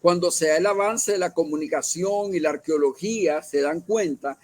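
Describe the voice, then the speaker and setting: A man's voice: on the high side, normal speed, dry recording. A man leading a Bible study, explaining at length, with many fillers and self-corrections. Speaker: church leader.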